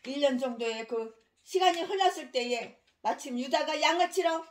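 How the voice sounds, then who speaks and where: Woman pastor ranting through a sermon, high voice, yells then mutters. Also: normal speed. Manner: fiery, scolding, swings between shouting and low muttering. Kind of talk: expository sermon.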